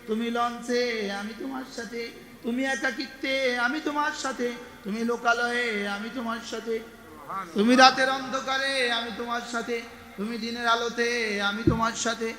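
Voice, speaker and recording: A man's voice: very high voice, steady tone, normal speed. A male preacher giving an Islamic sermon, chanting Arabic verses and calling out questions to the congregation. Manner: chanting Arabic verses, call-and-response with the crowd. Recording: echoey hall with long reverb.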